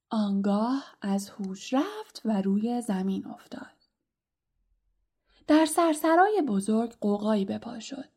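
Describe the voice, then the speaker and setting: A woman narrating an audiobook with expressive storytelling that drops to a hush in tense moments. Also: fairly high pitch. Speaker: audiobook reader.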